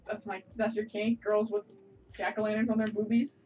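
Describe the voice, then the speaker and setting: A woman's voice: medium pitch, flat delivery, moderate pace, warm tone, distant mic, highs cut off, slight background noise. A woman in casual chat on a livestream, rambling and restarting her sentences.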